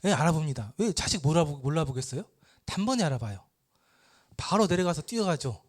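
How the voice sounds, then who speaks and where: A man lecturing at church, retelling a parable with lively storytelling and rhetorical questions. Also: on the high side, brisk.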